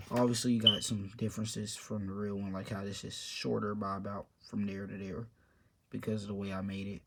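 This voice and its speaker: A young man in a casual show-and-tell vlog, rambling offhandedly about his papercraft build and trailing off mid-sentence. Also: on the low side. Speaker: papercraft hobby vlogger.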